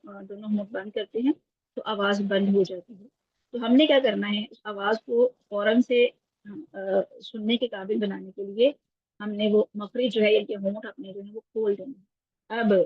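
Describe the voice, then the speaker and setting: A woman teaching Quran recitation in an online class, patiently breaking each point down and checking in with her students. Her voice is a bit husky. The call audio is muffled and lo-fi, with a dry, close sound. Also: mid-range voice, no echo. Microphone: video call.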